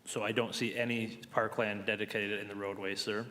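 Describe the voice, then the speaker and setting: Firm, bright-voiced meeting chair. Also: male voice, fairly low pitch, little pitch movement, a little hiss or hum. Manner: measured, firm, addresses people as sir. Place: council chamber.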